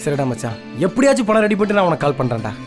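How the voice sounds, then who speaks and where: A man's voice: fairly high pitch, very animated, very fast. A man playing a plainspoken, anxious newlywed farmer in casual film dialogue. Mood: worried. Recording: loud music over film dialogue.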